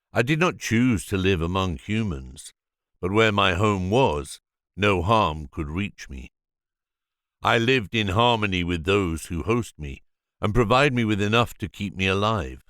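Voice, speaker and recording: A man reading aloud as the coronavirus, speaking of itself in a measured, formal audiobook manner. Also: low voice, fairly bright tone, no room sound, clean studio sound.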